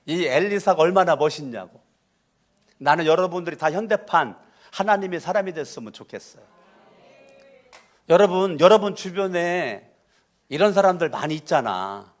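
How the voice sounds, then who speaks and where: Emphatic pastor, fairly high male voice. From Chungcheong, Korea. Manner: emphatic, repetitive, calls for congregation responses. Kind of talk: sermon. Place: church sanctuary.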